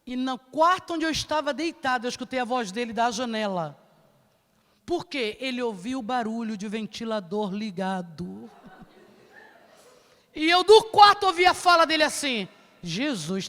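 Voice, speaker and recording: A Brazilian woman tells a church testimony with animation, acting out each moment of the story. Her voice is bright and sharp, and it carries with a long hall reverb from the church. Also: on the high side, moderate pace. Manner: animated, acts out the scene with laughs. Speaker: church speaker. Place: church sanctuary.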